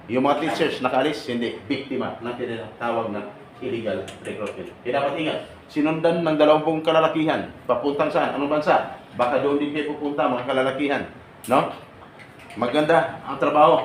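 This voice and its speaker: A man giving an earnest seminar talk to an audience, often checking in with rhetorical questions. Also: fairly high pitch. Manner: earnest, rhetorical, keeps asking "no?" and "tama?". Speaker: OFW assistance advocate. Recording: echoey room with faint background noise.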